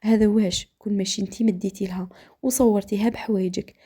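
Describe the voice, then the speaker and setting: A man's voice: high voice, steady tone, quick pace, mellow, husky. A woman voicing a furious, jealous young husband with an Algerian accent, accusing and threatening.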